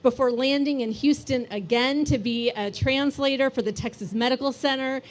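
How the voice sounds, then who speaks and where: A woman with a fairly high voice emcees a fundraiser, introducing the next speaker. She reads a biography and breaks it up with light, joking asides. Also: normal speed. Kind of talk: speech introduction.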